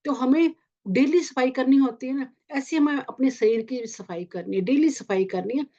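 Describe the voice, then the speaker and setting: A woman meditation guide giving a spiritual talk, halting with many restarts and mixing in English phrases. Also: high voice, warm tone. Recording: muffled lo-fi recording.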